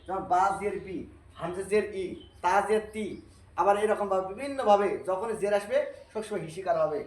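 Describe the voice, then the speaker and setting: Guy doing quran reading drills, kinda high voice, echoey room. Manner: repeats drills slowly and patiently, asks and answers own questions. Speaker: Quran teacher. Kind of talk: Arabic reading lesson.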